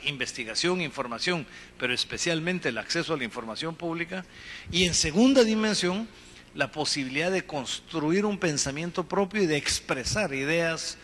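A middle-aged man from Guatemala speaks on a conference stage through a handheld mic, his voice pitched a little high for a man. He talks in an earnest, measured way, building points one after another. The sound carries a long hall reverb with a faint hum of the room beneath it. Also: fairly bright tone. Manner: earnest, measured, gesturing with his free hand. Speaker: panel speaker. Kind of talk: conference panel talk. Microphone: handheld microphone.

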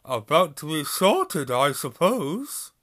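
A man's voice: fairly high pitch, very animated, slow pace, a bit bright, voice pushed up, full character voice. A man voicing a fat, kindly little monk ghost who talks cheerfully. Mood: jolly.

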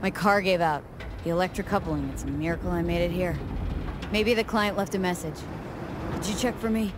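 A man voicing a young woman mercenary who sounds anxious and desperate, in a soft, shaky, pleading way, for an audiobook. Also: high voice, a little fast, very noisy, pitched above the performer's own voice, lightly acted. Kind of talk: audiobook narration.

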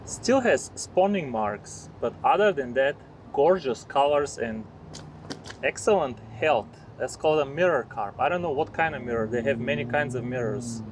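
A fishing vlogger on a small river boat cheers on the fish he hooks and chats excitedly with his viewers, his medium-pitched voice lively and moderately paced. The camera mounted on the boat picks up a noisy outdoor mix of traffic and other sounds.

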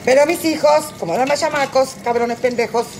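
A middle-aged woman with a Mexican Spanish accent chats on a phone livestream while she cooks in her kitchen, tipsy and high. She rambles through crude, joking stories in a voice pitched a little high. There is a faint hiss behind her. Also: a little fast, a little mellow. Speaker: cooking livestream host. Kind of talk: casual livestream chat while cooking.

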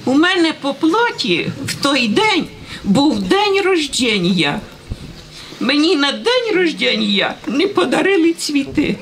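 A woman's voice: sits high, very animated, slow pace, a bit bright, slight background noise, rough recording. A woman giving an emotional personal testimony at a church gathering, laughing and tearful as she tells it.

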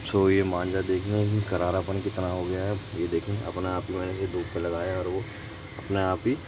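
A man casually explaining a how-to in a vlog, chatty and instructive, slipping in English phrases. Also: low-pitched. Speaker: vlogger. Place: outdoors in a sunny courtyard. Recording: noisy outdoor phone recording.

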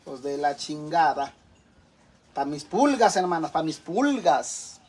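A man's voice: on the high side, sing-song, takes it slowly, darkish tone, breathy edge. A middle-aged man with a Mexican accent ranting casually to his viewers in an exasperated, profane way. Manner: exasperated, swears a lot. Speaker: vlogger. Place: home kitchen.

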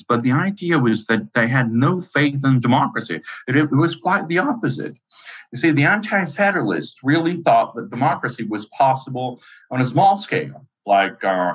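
A man with an Italian accent, a professor guest answering at length in animated, lecturing speech with frequent fillers and restarts. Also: medium pitch, highs cut off. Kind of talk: interview answers.

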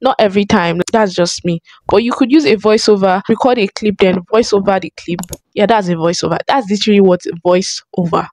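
A woman's voice: mid-range voice, fairly quick, darkish tone, no room sound. A young woman, a content creator, explaining phone video editing in a chatty tutorial vlog on an external microphone. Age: young adult.

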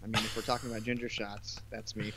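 A man's voice: on the low side, level tone, fast, bright, forceful tone, slight background noise. A man co-hosting a casual live podcast, wisecracking and often trailing off. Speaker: podcast co-host, photography mentor. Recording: dull lo-fi sound.

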